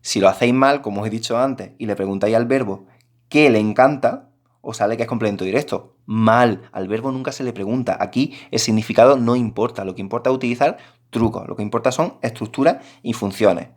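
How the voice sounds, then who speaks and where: A man's voice: medium pitch, fairly quick. A man teaching a recorded grammar lesson, explaining patiently and addressing his students directly.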